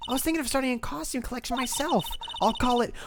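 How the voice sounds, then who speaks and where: Woman putting on an excitable, girlish young sidekick. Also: sits high, fast, noisy background, voice pushed up. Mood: enthusiastic. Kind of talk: video game character read-aloud.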